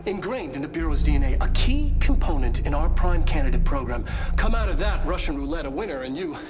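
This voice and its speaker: A lively lecturing official. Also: male voice, fairly high pitch, fairly quick, over music.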